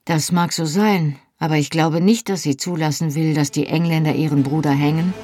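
Audiobook: woman voicing an injured man, out of breath and halting, husky tone. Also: sits low, steady tone, dark tone. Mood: urgent, weary. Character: wounded, breathless adult Scottish man.

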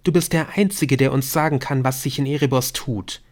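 A man reading an audiobook, voicing a quick-witted teenage girl with a dry, deadpan manner. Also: medium pitch, pitched above the performer's own voice, close to an everyday voice. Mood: determined.

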